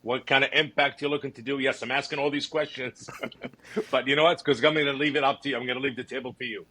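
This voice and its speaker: A man's voice: mid-range voice, fairly even intonation, quick pace, pushed and bright, a little hiss or hum. A male podcast host introducing his guest in a chatty way, piling several questions onto each other. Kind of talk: interview hosting.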